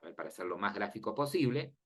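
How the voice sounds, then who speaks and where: A man's voice: fairly low pitch, animated, fast talker, fairly bright tone, slightly rough. A man teaching a class, explaining step by step and often checking that the students follow, in an informal, friendly manner. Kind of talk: classroom lecture on databases.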